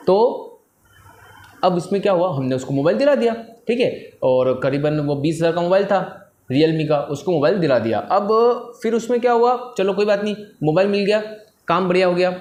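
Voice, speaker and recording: A young man from India, an English trainer, telling students a motivational story. He talks in a lively way, switches between Hindi and English, and keeps checking in with "right?". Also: a little high, a little hiss or hum. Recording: roomy echo.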